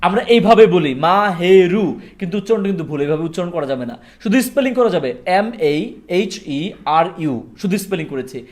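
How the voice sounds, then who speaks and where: A man's voice: high voice, animated, very fast, a little mellow. A man with a Bengali accent teaching English pronunciation to children, coaxing and praising them as he drills sounds. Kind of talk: classroom lesson with children.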